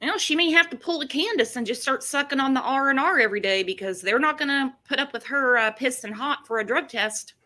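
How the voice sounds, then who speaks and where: Female true-crime host, sarcastic and chatty, bright forceful voice sitting a bit high. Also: expressive, fast talker, hardly any pauses. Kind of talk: casual true-crime commentary chat.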